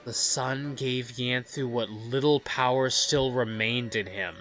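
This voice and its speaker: Rumbling low yet fairly bright, a woman's voice moves at a slow pace as she hosts a let's play. She reads the game's story aloud with dramatic storyteller flair, interjecting her own remarks over the game music.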